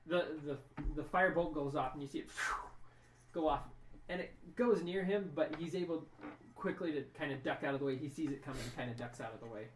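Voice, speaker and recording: A man's voice: a little high, fairly quick. A man running a tabletop game as dungeon master, narrating the action in a loose, descriptive way. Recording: echoey room mic from a distance, noisy.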